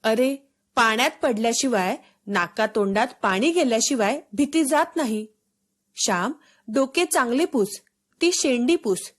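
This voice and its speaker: A woman voicing a strict village mother in a storybook reading, giving sharp commands. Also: on the high side, animated, measured pace. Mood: gentle.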